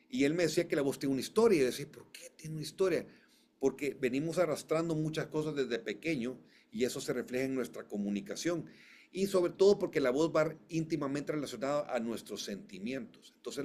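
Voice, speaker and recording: A man's voice: medium pitch, a little mellow. A man who works as a voice coach, talking in an interview. He speaks emphatically, repeats phrases and often restarts his sentences. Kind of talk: conversational interview storytelling.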